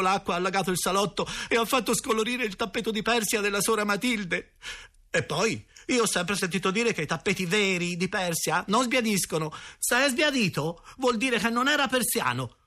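A man's voice: high voice, pushed and bright, voice pushed up. A man playing an indignant cheeky boy. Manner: defiant, protesting.

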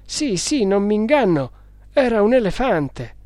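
A man's voice: high-pitched, very animated, a little slow, darkish tone, no room sound, studio quality, voice pushed up. A man voicing a terrified, breathless Bengali man in a storybook reading. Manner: breathless, frightened exclamations.

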